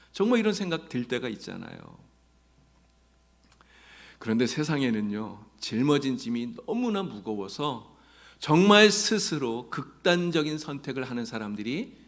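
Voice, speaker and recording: A man's voice: medium pitch, creaky. A man preaching a sermon as pastor, speaking emphatically and questioning the congregation directly. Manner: emphatic preaching, rising loud in quoted prayers.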